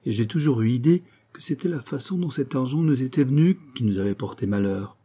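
Pompous, boastful gambler, read by a man; dark and husky. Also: mid-range voice, lively intonation, a little fast. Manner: pompous, sententious.

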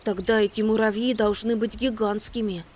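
A reader voicing a restless, easily frightened little boy mouse who is afraid of heights, in an audiobook. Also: lightly acted. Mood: fretful. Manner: excitable, high and quick to complain. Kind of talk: audiobook character voice.

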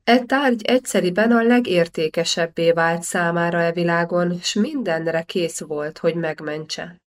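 Woman narrating with a lowish voice. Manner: measured storytelling. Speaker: audiobook narrator. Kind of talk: scripted narration.

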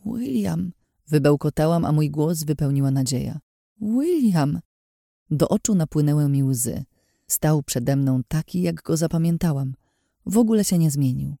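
Male audiobook narrator with a slightly high, mellow voice; tense, dramatic first-person reading. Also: creaky, no echo, clean studio sound.

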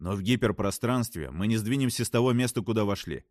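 A man reading an audiobook, voicing a serious, reasoning male ship officer in a measured, stern tone. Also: lowish voice, a little mellow, dry recording, studio quality, close to an everyday voice.

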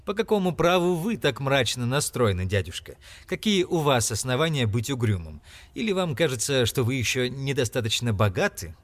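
A cheerful, earnest young man, as voiced by a male audiobook reader, speaks with eager warmth and a lively, moving pitch. His voice sits a little above the reader's own, sincere and hopeful. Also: normal speed, lightly acted. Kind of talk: audiobook character reading.

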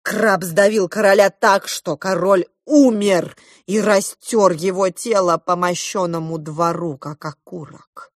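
A woman narrating a fantasy audiobook in an unhurried, expressive storytelling manner. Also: lowish voice, no echo, clean studio sound. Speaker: audiobook reader.

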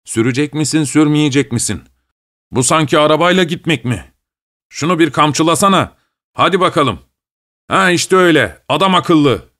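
A man's voice: a little high, moderate pace, fairly bright tone, voice pushed up, close to an everyday voice. A man voicing a rude young hunchbacked passenger in a storybook reading, speaking in a shaky, insulting tone. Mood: scolding.

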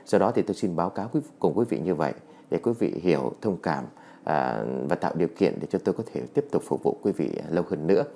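A man's voice: deep voice, animated, fast, gravelly, mellow. A man hosting a story channel, addressing listeners politely and formally. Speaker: channel host. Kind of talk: casual channel announcement.

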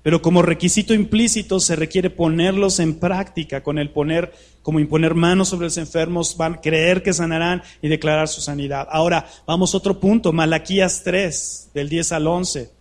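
A man's voice: on the high side, steady tone, normal speed. A man preaching to a live congregation, talking conversationally and peppering his sermon with rhetorical questions. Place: church hall with a live congregation.

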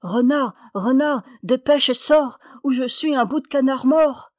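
A woman's voice: lively intonation, moderate pace, natural voice. A woman voicing a plucky little male duck who keeps crying out for his money in a storybook. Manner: shrill, insistent crying out.

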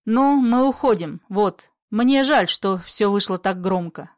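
A woman doing a calm firm young man. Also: mid-range voice, dry recording, studio quality, lightly acted. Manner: calm and measured. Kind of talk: play reading.

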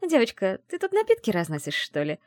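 A woman's voice: medium pitch, wildly swooping pitch, a little fast, darkish tone, no room sound, studio quality. A woman voicing a haughty, simpering society lady mage in a nasal, affected tone. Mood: simpering, mocking. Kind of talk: audiobook character voice.

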